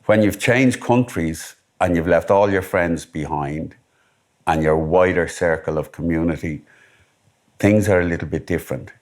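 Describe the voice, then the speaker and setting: A man's voice: low voice, moderate pace, a little mellow. A middle-aged man from Ireland with an Irish accent, steadily recounting his married life in a personal testimony interview.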